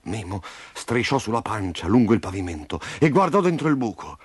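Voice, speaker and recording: Expressive male storyteller. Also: a little fast, slightly rough, no echo. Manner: expressive, dramatic, drops low and soft for suspense. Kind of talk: storybook reading.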